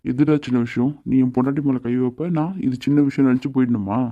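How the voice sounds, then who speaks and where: A man voices a possessive young husband in a cartoon, quick to flare up. The sound is narrow and phone-like, at a middling pitch. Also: fairly even intonation, dark tone, lightly acted. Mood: jealous. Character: jealous hot-tempered young husband. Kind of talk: cartoon voice acting. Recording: tinny phone-like lo-fi audio.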